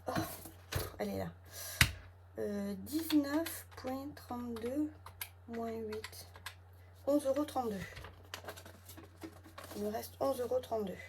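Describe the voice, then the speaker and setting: A woman's voice: fairly high pitch, takes it slowly, pauses often. A woman with a southern French accent, a budget vlogger who thinks aloud and mutters sums and figures under her breath while counting her envelopes at home. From south of France. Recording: clear background noise with clicks.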